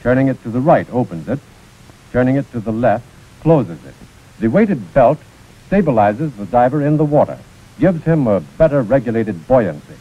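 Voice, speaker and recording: Heard through a muffled, scratchy 1940s film soundtrack, this American man's medium-pitched voice swings widely in pitch at a moderate pace with a breathy edge. He delivers a scripted instructional narration in a precise, formal way.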